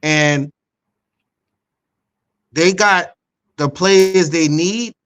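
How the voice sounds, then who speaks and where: A man's voice: on the high side, extremely slow, a bit bright, clean tone. A man co-hosting a sports podcast, arguing his point insistently and repeating himself for emphasis. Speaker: podcast co-host. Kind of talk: casual sports debate.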